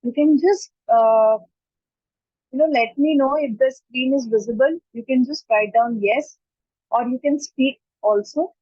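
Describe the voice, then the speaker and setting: A woman teaching pronunciation in an online class. She repeats each word slowly and deliberately, mixing Hindi and as she explains. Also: sits high, slightly rough, no room sound, highs cut off. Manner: slow, deliberate repetition of words to model pronunciation. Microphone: computer mic during a screen-shared online class.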